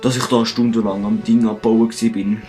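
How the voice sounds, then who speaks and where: Low-voiced Swiss German man for let's play narration, chatty and self-mocking, soft music bed. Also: flat delivery, normal speed. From Switzerland. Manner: chatty, self-mocking, talks to himself and viewers. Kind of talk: casual gameplay commentary.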